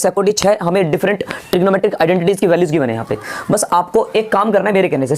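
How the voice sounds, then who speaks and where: A man teaching a math lesson online, often asking the listeners quick questions that he answers himself and calling them guys. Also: high voice, darkish tone. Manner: rapid, quizzes listeners with rhetorical questions.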